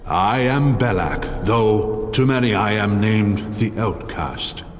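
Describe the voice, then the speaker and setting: A man with a lowish voice speaks slowly and expressively, acting as a mad, haughty outcast druid villain in a fantasy audio drama. His theatrical delivery is pompous and mocking, proud and fanatical, with long reverb and music underneath.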